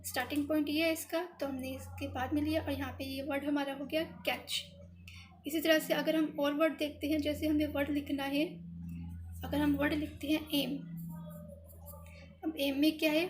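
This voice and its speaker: A woman's voice: high voice, flat delivery, normal speed, slight background noise. A woman teaching shorthand step by step, patient and repetitive, talking aloud as she writes, with English words in an Indian accent. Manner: repetitive, patient, thinking aloud while writing. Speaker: shorthand tutor. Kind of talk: step-by-step tutorial explanation.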